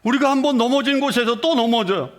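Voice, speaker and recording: A man's voice: very high-pitched, fast talker, a bit bright. A middle-aged man preaching a sermon as senior pastor, asking the congregation rhetorical questions and acting out short dialogues. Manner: acts out short dialogues with shifting voices. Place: church sanctuary.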